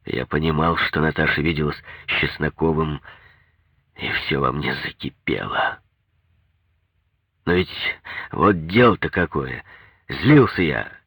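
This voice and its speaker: A man's voice: a bass voice, sharp tone, husky, dry recording. A man reading a first-person story aloud in a wry, conversational manner. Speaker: narrator.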